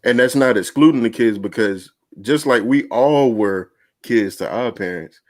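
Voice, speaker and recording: A man's voice: medium pitch, measured pace, dry recording. A man in casual podcast chat, talking loosely and often saying "you know what I'm saying". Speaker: podcast guest.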